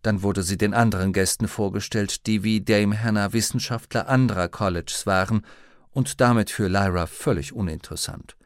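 A man reading a novel aloud as an audiobook narrator, calm and even. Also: on the low side, moderate pace, smooth, dry recording, clean studio sound. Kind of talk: scripted narration.

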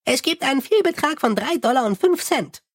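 A chirpy little green imp. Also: male voice, expressive, a little fast, a bit bright, heavily acted. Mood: eager chirping. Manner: high, chirpy and eager to please. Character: tiny fussy green imp, male, eager and officious.

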